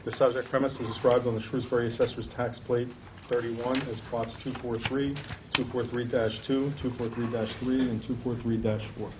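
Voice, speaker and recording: A man chairs a public hearing, reading out formal notices in a level, even tone that barely moves. He sounds steady and procedural, caught on a table mic in a hearing room with a constant hiss of background noise behind him. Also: mid-range voice, moderate pace. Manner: steady, procedural, monotone delivery. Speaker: board chairman. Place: town board hearing room.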